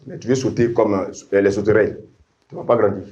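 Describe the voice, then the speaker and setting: A middle-aged man preaching a sermon with passion, repeating phrases, dropping to low asides and climbing to high shouted refrains while calling out to his congregation. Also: fairly even intonation, fast talker, dull audio. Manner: addresses the congregation directly with call-and-response.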